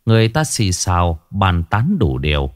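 Low-voiced man telling a ghost story. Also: normal speed, dry recording, studio quality. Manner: dramatic, expressive reading. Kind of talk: scripted ghost story narration.

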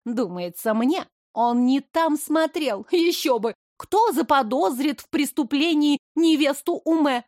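A woman voicing a spiteful young blonde court lady who makes shrill, indignant accusations in an audiobook. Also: animated, unhurried, a little mellow, no room sound, studio quality. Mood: spiteful accusing.

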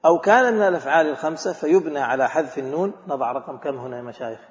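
In a dull, lo-fi recording from a large hall with a long, echoing reverb tail, a male grammar teacher with a somewhat high voice speaks very fast. He lectures on a grammar text, peppering the class with questions, repeating examples, and blending formal Arabic with colloquial speech.

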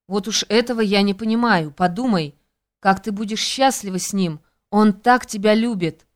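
A woman voicing an excitable, anxious young friend, exclaiming her lines in an audiobook. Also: mid-range voice, normal speed, lightly acted. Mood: excited. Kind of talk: audiobook character reading.

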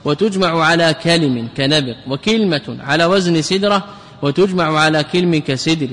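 A man's voice: on the high side, normal speed, fairly bright tone. A man teaching a grammar class, repeating words to drill them and putting questions to his students. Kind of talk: classroom lecture. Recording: lecture hall with long reverb.

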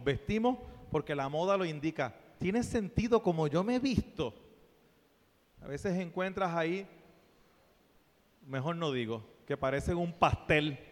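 A man preaching a sermon, playful and animated, dropping to soft asides and then rising to loud exclamations. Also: fairly high pitch. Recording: long reverb of a church hall.

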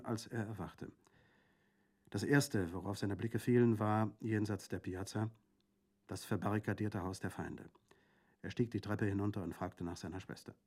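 Mellow-voiced man reading a novel. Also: lowish voice. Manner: measured, storytelling. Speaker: narrator. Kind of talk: literary audiobook reading.

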